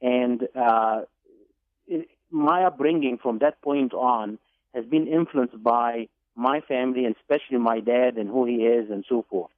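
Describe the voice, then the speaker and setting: Radio guest, male, from Egypt, measured storyteller, phone-line sound. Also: mid-range voice, no room sound. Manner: deliberate, with repeated words and fillers. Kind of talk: telling his life story on a radio call-in. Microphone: telephone.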